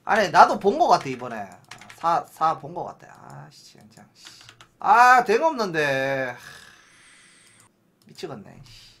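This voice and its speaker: A man streams a game live and reacts loudly, with frequent cursing and shouted countdowns. His voice swings widely, lively and animated, riding high and rising into yells. He talks straight to his viewers in a rough, worked-up way. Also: a little slow.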